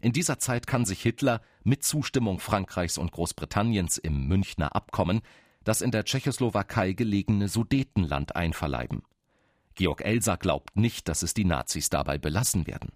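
A man with a low voice narrates a documentary from a script. He is sober and factual, and the recording is close and dry. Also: lively intonation, normal speed, no echo.

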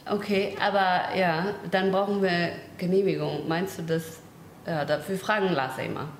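A woman's voice: on the low side, steady tone, moderate pace, a little hiss or hum. Practical woman in an echoey office. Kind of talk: casual office chat.

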